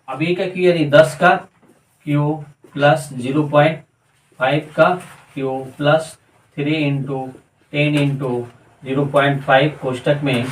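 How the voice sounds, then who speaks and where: A man's voice: a little high, echoey room, recorded from a distance, a little hiss or hum, low-quality recording. A man teaching a math lesson step by step, counting aloud and answering his own questions as he works.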